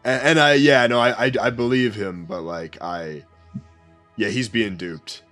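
A man playing a character in a tabletop game, talking through his moves with halting restarts. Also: on the low side, a bit bright, soft background music. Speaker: player. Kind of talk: tabletop role-play chat.

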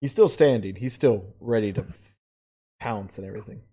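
A man's voice: lowish voice, warm tone. Male game master, casual and swearing. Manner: casual, swears freely, quick bursts of narration. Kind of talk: narrating a tabletop game over voice chat.

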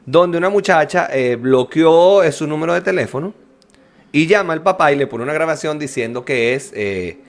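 Man, Venezuelan accent, podcast co-host, animated, lively swooping pitch, fairly high voice. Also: normal speed. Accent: Venezuelan Spanish. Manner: animated storyteller, acts out quoted voices, laughs often. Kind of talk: casual chat.

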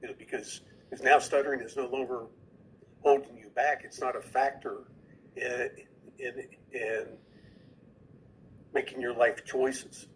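A man's voice: mid-range voice, steady tone, measured pace, pauses often, slight background noise, poor audio. A man who is a podcast guest, earnestly explaining an idea and often repeating words as he goes.

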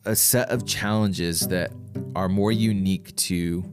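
A man's voice: deep voice, steady tone, unhurried, music in the background. An American man hosting a conversational podcast interview, phrasing his thoughts in a hesitant, thoughtful way. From rural Indiana, USA. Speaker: podcast host, communication professor.

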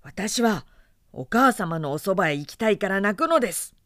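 A woman narrator voicing a young male storm god who pleads his case quickly and politely, in a dry, close storybook reading. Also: medium pitch, expressive, fairly bright tone, no echo, close to an everyday voice. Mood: earnest pleading. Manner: polite, rapid pleading speech.

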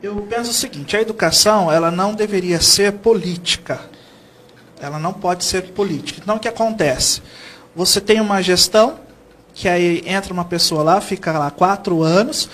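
A Brazilian man from São Paulo state speaks in a high-pitched, slightly bright voice at a moderate pace. He's a guest educator on a TV interview, explaining earnestly and often raising questions that he then answers himself.

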